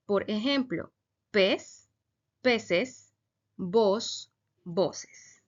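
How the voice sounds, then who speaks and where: A woman teaching a Spanish grammar lesson, speaking slowly and deliberately and stressing each example word. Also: medium pitch, lo-fi sound.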